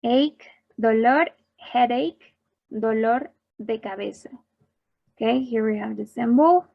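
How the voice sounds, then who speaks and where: A woman teacher giving a recorded class and repeating each term slowly so students can copy the pronunciation. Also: on the high side, gravelly, dull audio. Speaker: English teacher for health workers. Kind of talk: recorded online class explaining slides.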